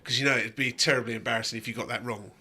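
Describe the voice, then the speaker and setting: Middle-aged man from England, bright clear voice, teasing and chatty, quick with jokes. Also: medium pitch, fairly even intonation. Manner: chatty, teasing, jokey asides. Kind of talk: casual chat.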